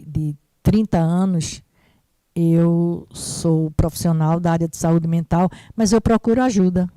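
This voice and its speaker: A woman in her fifties speaks as a mental health professional during a live Q&A. She talks in a conversational, reassuring way and often checks in with her listeners. Her voice is mellow and the recording is dry. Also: on the low side, no echo. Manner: warm, conversational, repeats "né?" and "certo?". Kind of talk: live-stream Q&A answer.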